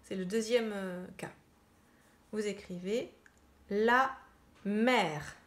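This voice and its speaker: A woman teacher giving children a slow spelling dictation, repeating each word and spelling it out. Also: medium pitch, fairly bright tone. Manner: slow, deliberate, spells out words and repeats them. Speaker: primary school teacher.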